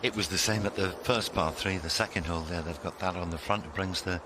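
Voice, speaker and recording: A man's voice: deep voice, a little fast. A man commentating on live golf, recapping and describing play. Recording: loud outdoor background noise.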